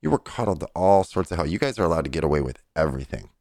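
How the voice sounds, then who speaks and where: A middle-aged man with a very low voice, recorded very dry. He debates casually and insistently, blunt in his opinions and free with profanity. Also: big pitch swings, racing, vocal fry, a little mellow, dry recording.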